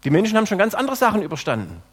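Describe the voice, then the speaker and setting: Preacher with a reverberant hall sound. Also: male voice, huge pitch swings, rapid-fire, husky. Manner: dramatic swings between loud emphasis and soft low phrases. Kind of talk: sermon.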